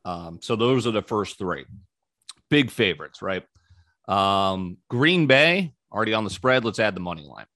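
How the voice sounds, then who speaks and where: A man's voice: fairly low pitch, animated, moderate pace, pushed and bright, no room sound, clean studio sound. A man hosting a sports betting podcast, running through picks in a casual, opinionated way with frequent ums.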